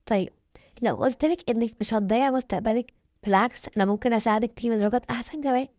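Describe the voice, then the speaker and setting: A woman's voice: on the high side, racing, a little mellow, dry recording, natural voice. Woman voicing a manipulative Egyptian schoolboy. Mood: sly. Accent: Egyptian Arabic. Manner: persuasive, pushy. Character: manipulative teenage schoolboy, smooth and possessive. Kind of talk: storybook narration.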